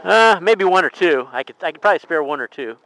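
A man's voice: fairly high pitch, animated, fast, a bit bright. A man with a Midwestern American accent, vlogging casually from his motorcycle with rambling asides. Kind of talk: casual narration while riding. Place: outdoors on a motorcycle in city traffic. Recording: road and engine noise.

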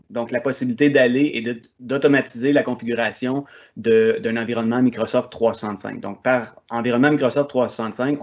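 Québécois male presenter, mid-pitched, halting delivery with restarts, muffled audio. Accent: Québécois French. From Quebec, Canada. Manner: hesitant, frequent fillers and restarts. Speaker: conference speaker. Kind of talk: technical conference presentation.

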